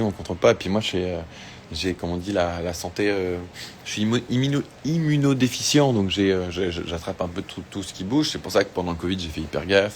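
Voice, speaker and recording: A man's voice: low-pitched, slight background noise. A man chatting casually on a phone livestream, answering fan questions with lots of fillers and restarts. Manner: chatty, laid-back, with many fillers and restarts. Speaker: singer doing an Instagram live. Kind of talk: casual live-stream chat reading fan questions. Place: outdoors or open space in Tahiti.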